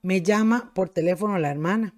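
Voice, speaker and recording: With soft music in the background, a middle-aged woman from Costa Rica preaches and recounts her own testimony in a passionate storytelling style, repeatedly calling her listeners brothers and sisters. Her mid-range, slightly mellow voice moves a little fast, carrying a Costa Rican accent.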